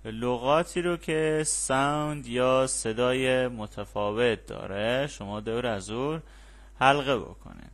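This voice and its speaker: A man with a Persian accent teaching an English lesson, reading English words slowly and explaining fast in Persian. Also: mid-range voice, a bit bright. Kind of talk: bilingual language lesson.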